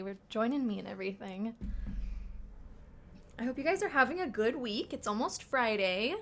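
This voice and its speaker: Tired-voiced young woman chatting on a stream. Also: a little high. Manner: rambling, chatty, greets viewers, laughs often. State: tired, slightly rough voice. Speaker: livestream host and tarot reader. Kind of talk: casual livestream chat.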